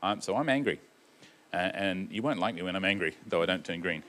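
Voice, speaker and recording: A man's voice: low-pitched, expressive, a little fast, fairly bright tone. A man on a panel speaking wryly and with frustration, with hesitant fillers. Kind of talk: panel answer.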